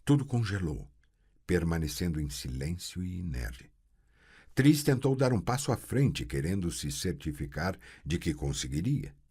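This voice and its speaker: A man from Brazil reading an audiobook in slow, expressive scripted narration. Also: deep voice, breathy edge.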